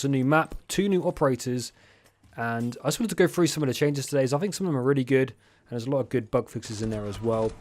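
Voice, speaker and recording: A man's voice: mid-range voice, darkish tone. A young man hosting a gaming channel, running through a game update in a casual voice-over with joking, self-mocking asides.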